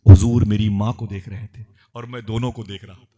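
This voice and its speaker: A man's voice: fairly low pitch, steady tone, a little fast, warm tone. A male preacher telling a story in an impassioned sermon, chanting verses in a rhythm and urging the crowd to respond.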